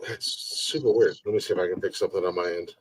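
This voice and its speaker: A man's voice: low voice, steady tone, quick pace, darkish tone, breathy edge. A man in his forties hosting a casual live-stream podcast, rambling, repeating himself and swearing freely. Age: 40s. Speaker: podcast host.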